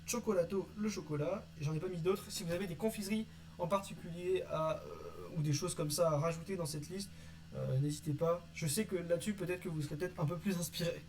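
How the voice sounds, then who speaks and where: A man teaching vocabulary from an invented language in a casual lesson, reading word lists and pausing often with fillers. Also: a little high, darkish tone, a little hiss or hum, poor audio. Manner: reads word lists, hesitant with many "euh". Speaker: conlang teacher.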